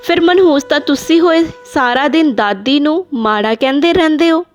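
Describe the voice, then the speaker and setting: A woman's voice: high voice, moderate pace, pitched above the performer's own voice, natural voice. A woman voicing a bold, cheeky young boy who stands up for his grandmother. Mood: defiant.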